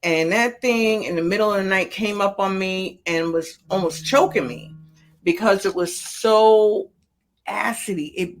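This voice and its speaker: A woman's voice: mid-range voice, measured pace, soft background music. A middle-aged woman speaking casually as an interview guest, explaining things colloquially through personal examples. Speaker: sleep coordinator, interview guest.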